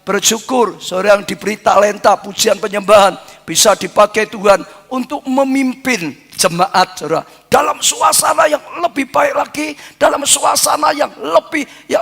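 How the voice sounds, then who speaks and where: High gravelly older preacher man. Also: normal speed, a bit bright. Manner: fervent preaching with rising chanted repetitions. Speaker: pastor. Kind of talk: sermon. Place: church hall. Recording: echoey church hall with music.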